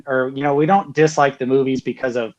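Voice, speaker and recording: A man's voice: medium pitch, fairly even intonation, a little fast, highs cut off. A man co-hosting a casual livestream, talking earnestly with emphatic repeats and fillers. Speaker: co-host.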